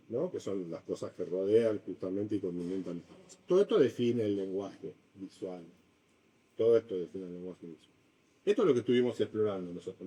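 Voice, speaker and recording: Male lecturer, mellow dark tone, animated delivery, distant classroom mic. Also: on the low side. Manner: animated, acts out examples with shifting voice. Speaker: university design lecturer. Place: lecture room.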